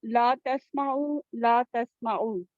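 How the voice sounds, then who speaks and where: A high-pitched woman reads out verb forms slowly and carefully, a student taking her turn in class. Her voice comes over a thin, muffled call line, dry and close. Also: no echo. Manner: slow, careful recitation. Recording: thin video call audio.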